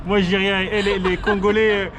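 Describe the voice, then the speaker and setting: A man hosting a casual interview, excitable and slangy, often turning to speak straight to his viewers. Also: high voice, fairly quick. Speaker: host. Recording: noisy outdoor street recording.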